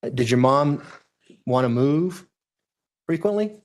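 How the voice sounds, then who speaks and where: A man's voice: fairly high pitch, animated, unhurried, a little mellow. A man working as a lawyer questions a witness in a courtroom, putting formal questions step by step.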